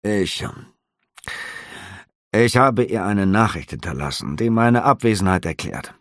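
A man's voice: on the low side, lively intonation, measured pace, a bit bright, no room sound, clean studio sound. A man voicing a guarded half-elf officer who talks in a growling, curt and cold way. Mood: gruff.

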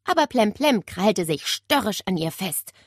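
A woman reads a children's story aloud with very lively, swooping expression. She takes her time over each sentence, and the recording is dry and close. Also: medium pitch, a little slow, dry recording. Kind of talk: children's audiobook narration.

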